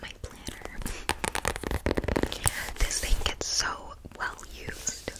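A woman's voice: very slow, rough recording. Whispering young woman, ASMR ramble. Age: young adult. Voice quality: breathy, unvoiced whisper. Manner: repeats words in trailing strings. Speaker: ASMR video creator. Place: small bedroom indoors. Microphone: large desktop condenser mic, very close.

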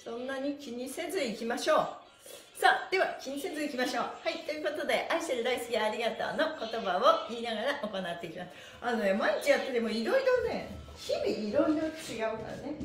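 Brisk and high-pitched with big swings in pitch, this middle-aged mime instructor leads a livestreamed stretching class. She chats cheerfully and counts in a sing-song voice. Music plays in the small, bare room, which gives the recording an echo.

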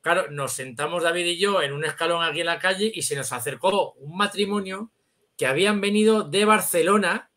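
On a video call from an indoor room, this middle-aged Spanish guest with a Spain accent swaps anecdotes in colloquial talk. His voice sits high and sounds pushed and bright, moving fairly quickly.

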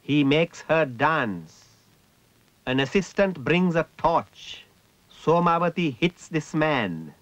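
A man narrating a ritual in a measured, descriptive way. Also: on the high side, sing-song, a bit bright, no echo.

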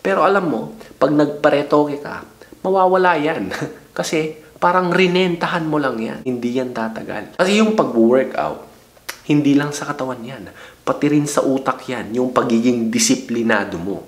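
A man's voice: mid-range voice, moderate pace. A young man vlogging casually, giving playful, slangy advice and teasing his viewer. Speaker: vlogger giving dating tips. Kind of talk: casual joking talk to camera. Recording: echoey room.

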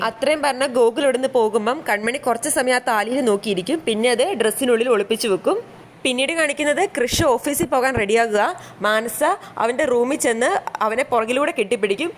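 A woman retelling a TV serial episode in steady storytelling narration. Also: fairly high pitch, a little fast, a little hiss or hum. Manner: steady storytelling in present tense.

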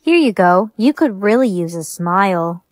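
A woman's voice: medium pitch, lively intonation, moderate pace, no room sound, studio quality. A woman's synthetic text-to-speech voice reading lines in a storytime skit.

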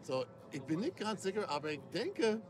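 A man's voice: high voice, very animated, normal speed. A man in his forties, a native English speaker with an American accent in German, chatting casually and searching for words. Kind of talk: casual interview in halting German. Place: inside a coach bus. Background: music and vehicle ambience.

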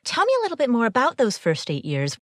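A woman from Ohio, USA, hosts a podcast, reading the intro and posing interview questions in a lively, expressive way. Her voice is slightly high and quick, captured in a dry, clean studio.

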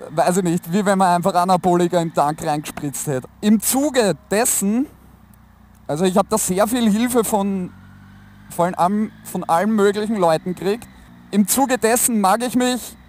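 Male Austrian motovlogger, high-pitched, casual colloquial chat, enclosed helmet sound with some traffic noise behind. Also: darkish tone. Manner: colloquial, slangy. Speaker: motorcycle vlogger. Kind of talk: casual chat to viewers while riding. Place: inside a motorcycle helmet, riding outdoors on a motorway. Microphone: helmet-mounted mic. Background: motorcycle and traffic noise.

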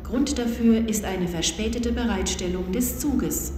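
This is a woman's mid-range voice, speaking standard German, announcing scripted automated platform messages through a station PA. She sounds neutral and measured, breaking the text into segments, and the echoey recording carries clear background station noise.

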